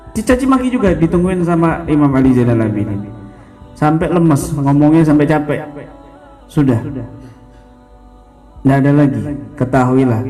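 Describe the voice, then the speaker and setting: A man preaching a sermon in an animated way and often putting questions to his listeners. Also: mid-range voice.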